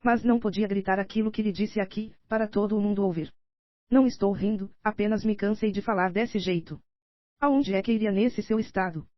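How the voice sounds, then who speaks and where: A woman's voice: medium pitch, steady tone, a little fast, no room sound, lightly acted. A Brazilian woman voicing a scheming older nobleman in an audiobook, read steadily in her own voice, slightly dull and dry. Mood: pleading, insistent. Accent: Brazilian Portuguese.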